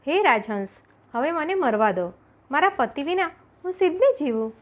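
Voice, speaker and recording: A woman's voice: high voice, big pitch swings, normal speed, voice pushed up. A woman voicing a devoted young queen in a children's folk tale, speaking earnestly and from the heart. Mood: despairing.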